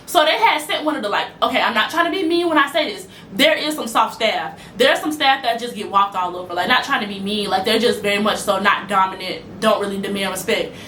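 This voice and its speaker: Young woman talking fast and bright into her camera, acting out quotes, kinda echoey. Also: medium pitch, a little hiss or hum. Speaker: storytime vlogger. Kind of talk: casual storytelling to camera. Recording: echoey room.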